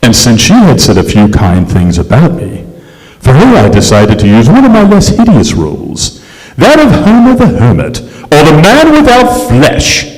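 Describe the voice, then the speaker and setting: A man's voice: mid-range voice, huge pitch swings, moderate pace, darkish tone. A man playing a pompous, easily flustered aristocratic ghost in an old time radio stage drama, speaking in grandiose, archaic phrases. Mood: wounded, solemn. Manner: grandiose, archaic, melodramatic delivery. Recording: echoey hall, live stage performance.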